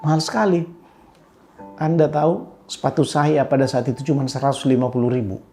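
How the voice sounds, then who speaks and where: An older man, telling a personal story to an audience in an animated way with sudden pitch jumps. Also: fast, soft background music. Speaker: speaker addressing an audience. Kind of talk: storytelling talk.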